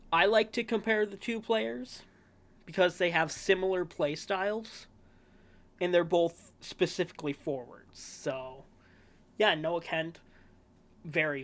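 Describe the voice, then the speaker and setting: A male podcast host with a fairly high voice talks through a sports preview at an unhurried pace. He rambles casually, fills pauses with "yeah" and "um", and corrects himself mid-sentence. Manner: relaxed, rambling, with frequent fillers and self-corrections.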